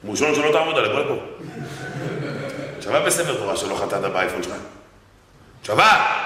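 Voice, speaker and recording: A man preaching a humorous sermon with parables, animated and joking, addressing the audience directly. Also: on the low side, far from the mic. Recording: echoey hall, faint noise.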